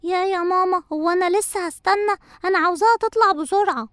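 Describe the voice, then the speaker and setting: An impatient little cartoon girl, voiced by a woman with an Egyptian accent and a very high, childlike voice. She whines and complains quickly. The sound is dry and close to the mic. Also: fairly bright tone, no echo. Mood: whiny. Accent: Egyptian Arabic. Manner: whiny, impatient. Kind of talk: cartoon voice acting.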